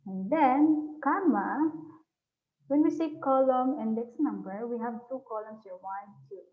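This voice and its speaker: A woman's voice: fairly high pitch, measured pace, soft background music. Lady teacher walking thru a spreadsheet, dictating each step in little chunks, tinny phone-ish sound. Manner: dictating instructions in short separate phrases. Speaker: teacher giving a spreadsheet tutorial. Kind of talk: step-by-step software tutorial narration.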